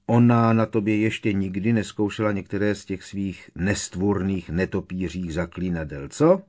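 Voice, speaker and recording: A man's voice: low voice, fairly even intonation, darkish tone. A man doing George, an eager teenage twin. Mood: teasing. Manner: eager, joking. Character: eager teenage boy twin, playful prankster.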